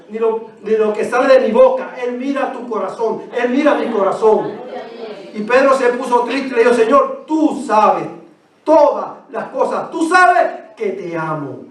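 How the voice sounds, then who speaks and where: A man with a high voice preaches with passion, piling up his points in repeated lists. His voice rings through a very echoey church, and he sounds some distance from the microphone. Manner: impassioned, builds repeated lists. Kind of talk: sermon. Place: church sanctuary. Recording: very echoey church, far from mic.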